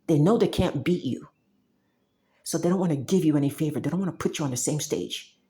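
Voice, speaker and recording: Speaking low, fairly quickly and mellowly, this young software developer from Cameroon talks to the camera in a relaxed monologue. She is emphatic, often restarts, and laughs frequently.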